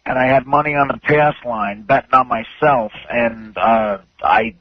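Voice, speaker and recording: A man, a regular on the show, telling a rambling story in casual radio chat with halting restarts. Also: mid-range voice. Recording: dull dry radio studio sound.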